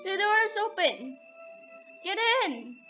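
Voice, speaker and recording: A woman playing a horror story game, commenting excitedly and dramatically and reading game dialogue aloud. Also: extremely high pitch, takes it slowly, lo-fi sound, over loud music.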